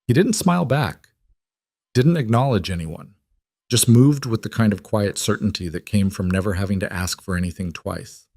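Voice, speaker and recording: A man reads a scripted story in a measured, dramatic way. His voice sits low. The sound is dry and close with no room around it. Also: a little mellow, no echo. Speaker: narrator. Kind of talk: scripted narration.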